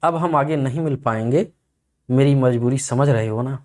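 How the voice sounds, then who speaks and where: A man's voice: mid-range voice, normal speed, darkish tone, natural voice. A man voicing a scheming young woman who pleads sweetly with her lover while plotting to marry someone richer. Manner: sugary, pleading, two-faced.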